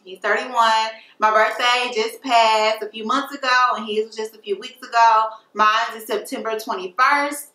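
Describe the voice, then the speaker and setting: A woman's voice: on the high side, fairly even intonation, moderate pace, few pauses, sharp tone. Chatty woman in her late twenties, echoey room. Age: late 20s. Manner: chatty, upbeat, lots of fillers. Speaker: beauty vlogger. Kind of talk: casual Q&A chat. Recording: echoey room, mic at a distance.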